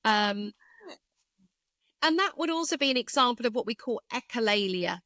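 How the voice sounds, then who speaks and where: A woman speech therapist, a guest in an interview, explaining carefully and thoughtfully with frequent pauses and fillers. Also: fairly high pitch, lively intonation, sharp tone, no echo. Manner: thoughtful, hesitant with many fillers.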